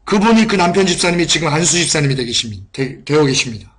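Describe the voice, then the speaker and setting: A man's voice: a little high, very animated, fast. A man preaching a sermon, telling a story and often calling out to the congregation. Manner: storytelling, repeatedly addressing the congregation.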